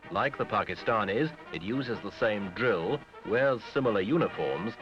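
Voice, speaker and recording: A man giving grave, measured scripted narration in short phrases for an old newsreel soundtrack. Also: lowish voice, animated. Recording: dull lo-fi 1970s film sound with music.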